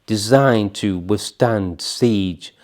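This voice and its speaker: A man reading scripted documentary narration in measured, solemn phrases with dramatic pauses. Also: lowish voice, darkish tone.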